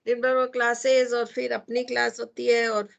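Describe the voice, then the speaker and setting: Woman, astrology teacher, chatty, rambling, slightly high, gravelly, video call. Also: completely flat delivery, normal speed, highs cut off. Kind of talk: casual chat before an online class.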